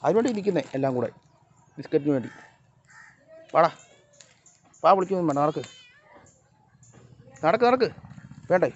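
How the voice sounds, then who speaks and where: A man filming a casual vlog outdoors around his house, talking softly to viewers and calling out loudly to his cats and dogs. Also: fairly high pitch, animated, fast talker, pauses often, slight background noise. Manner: calls and scolds animals in raised voice, chats softly to viewers. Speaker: vlogger. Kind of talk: casual vlog narration to camera while feeding pets. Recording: slightly dull lo-fi phone audio.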